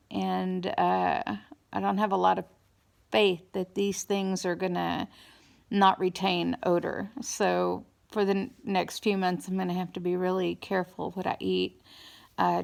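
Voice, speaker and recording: A woman with a mid-range voice gives a casual personal update in a halting way, fatigued after dental surgery. Slight hoarseness comes through, and her new teeth and swollen mouth slightly muffle her speech.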